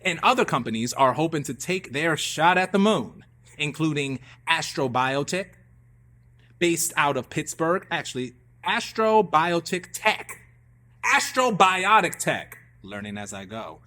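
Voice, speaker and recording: With music running beneath him, a radio host delivers casual, theatrical commentary on hot news, stressing points and repeating phrases for effect. His voice is a little high and sing-song, pushed and bright, and he speaks a little slowly.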